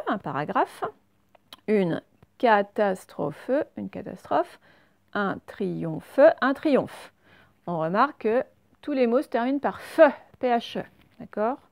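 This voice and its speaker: Enseignante patiente, voix un peu aiguë. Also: female voice, a little high, a little mellow, no room sound. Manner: slow, patient, repeats each word twice. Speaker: teacher. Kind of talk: spelling lesson read to children.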